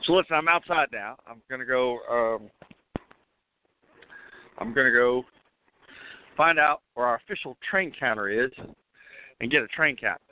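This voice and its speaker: Chatty man hosting over a phone line. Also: mid-range voice. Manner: chatty, halting, many fillers and restarts. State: coughing, clearing throat. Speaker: host. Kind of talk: casual live call-in show, roving outdoors. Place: outdoors at a railway depot event. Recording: tinny phone line, dry.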